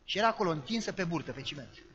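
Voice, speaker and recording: With a high, bright voice, a male preacher tells a story from the pulpit, expressively acting out people's quoted words and the noises they made. The recording sounds dull, and a long hall reverb trails behind each line.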